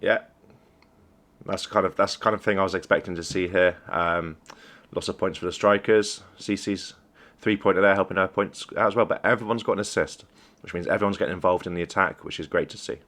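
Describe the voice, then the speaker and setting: Low-voiced coach reviewing a replay. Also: male voice, steady tone, a little fast, a bit bright. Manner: encouraging, conversational, praises plays. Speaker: esports coach. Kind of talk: video game replay review commentary.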